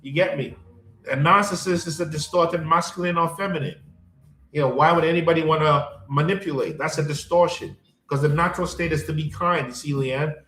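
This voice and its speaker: A man coaching a live audience in a slow, emphatic spiritual pep talk, repeating himself often and checking in with "you understand?". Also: on the high side, bright, forceful tone. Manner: repetitive, keeps asking "you understand?" and greets viewers by name. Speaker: life coach hosting a livestream. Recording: echoey room with faint music.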